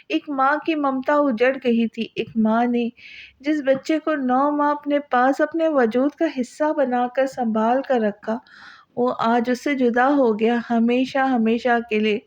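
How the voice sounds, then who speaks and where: A woman's voice: on the high side, dull audio. A woman narrating an Urdu novel as an audiobook in an emotional, dramatic way. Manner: emotional, voices the characters' cries.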